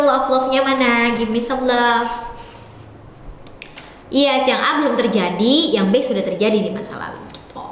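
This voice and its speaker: A woman with a high voice gives a live-streamed grammar lesson. She talks quickly and slips between two languages. Her voice rings in a very echoey room with a long reverb tail. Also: a bit bright, a little hiss or hum. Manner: fast-talking, mixes Indonesian with English; calls viewers "sayang" affectionately. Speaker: English teacher.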